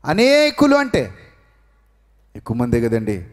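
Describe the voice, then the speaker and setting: A male preacher delivering a sermon, swinging between raised, emphatic lines and hushed, quiet ones, and calling the congregation to repeat after him. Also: medium pitch, wildly swooping pitch, measured pace. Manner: leads the congregation to repeat phrases aloud. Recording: long reverberant hall sound.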